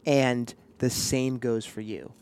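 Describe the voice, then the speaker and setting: A man's voice: mid-range voice, fairly even intonation, takes it slowly, a little mellow, smooth. A man co-hosting a casual podcast, playfully teasing and telling stories with acted-out quotes. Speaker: podcast co-host. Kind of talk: casual chat.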